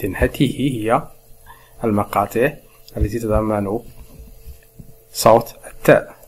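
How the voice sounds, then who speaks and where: Patient man teaching reading slowly. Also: on the low side, slight background noise. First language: Arabic. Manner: patient, repeats each word slowly, asks and answers himself. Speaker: French teacher. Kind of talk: slow step-by-step reading lesson.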